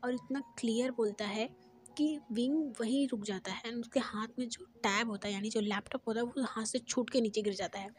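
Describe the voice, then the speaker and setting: A woman's voice: fairly high pitch, normal speed, a little hiss or hum. A woman narrating a fan fiction story in a casual, conversational way, dropping in English words. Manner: plain conversational retelling, mixing English words. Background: faint background music.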